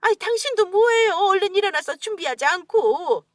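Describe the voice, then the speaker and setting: A woman's voice: high-pitched, a little slow, fairly bright tone, no room sound, clean studio sound. A woman doing a wailing, fussy mother-in-law. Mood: eager. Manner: wailing, fussing. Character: fretful middle-aged mother-in-law, wailing and greedy.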